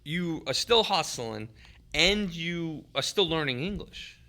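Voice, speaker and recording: A man's voice: on the high side, lively intonation, takes it slowly, bright, forceful tone. A man hosting an interview, offering supportive short prompts that sum up his guest's story. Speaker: podcast host.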